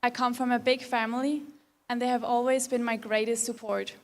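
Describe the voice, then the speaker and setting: A woman from Denmark, speaking English as a second language, delivers a formal pageant speech. Her voice sits a little high, and her delivery is steady and composed. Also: a little fast. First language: Danish. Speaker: pageant contestant. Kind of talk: prepared speech.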